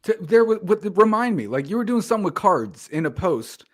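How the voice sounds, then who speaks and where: A man in his mid-thirties hosting a casual talk show, upbeat and quick to laugh. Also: sits high, big pitch swings. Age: 30s. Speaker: podcast host. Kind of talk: casual chat.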